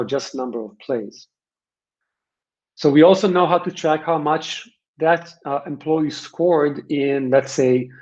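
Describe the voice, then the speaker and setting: A man's slightly mellow voice sits on the high side as he, an Israeli-accented presenter from a software vendor, delivers a conversational webinar. He explains points emphatically and repeats phrases to press them home, heard through dull, band-limited webinar audio.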